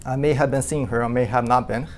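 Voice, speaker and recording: A man speaks to his sales team in an easygoing, animated way, leaning on "like" and putting questions to the room. His voice sits at a middle pitch, neither high nor low. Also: quick pace, a little hiss or hum. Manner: animated, asks the room questions, many "like" fillers. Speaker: insurance agency owner addressing his team. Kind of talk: storytelling team talk.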